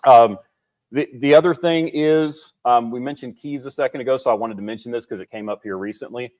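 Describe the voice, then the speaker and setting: A man's voice: mid-range voice, a little fast, darkish tone. A man on a talk show giving safety advice in an earnest way, repeating his key points. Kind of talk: casual talk show interview. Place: studio.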